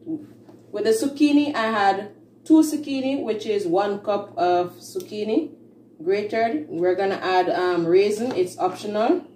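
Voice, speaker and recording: In a roomy kitchen, a woman who hosts a home cooking channel walks through a casual demonstration, her medium-pitched, mellow, expressive voice picked up from a distance. She talks the steps through plainly and unhurriedly, with fillers, while faint music plays and a little hiss or hum sits under the off-mic recording.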